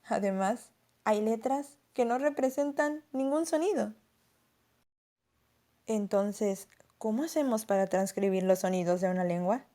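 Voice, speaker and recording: A woman narrating a scripted lesson as a teacher, explaining clearly and slowing down to stress example words. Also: mid-range voice, dark tone.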